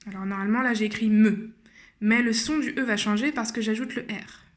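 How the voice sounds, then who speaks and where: Woman teacher, slightly high voice, patient step-by-step handwriting lesson for kids, hesitant delivery. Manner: slow, patient, with frequent hesitations. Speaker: primary school teacher.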